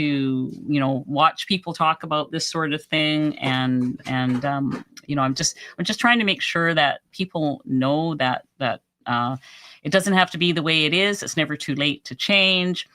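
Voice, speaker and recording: A woman talks through a relaxed live stream, answering her viewers and cheering them on. Her voice is bright and forceful, a little strained as she loses it. Her sentences are full of restarts and repeated words. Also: sits low. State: losing her voice. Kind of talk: casual live-stream chat, reading viewer comments.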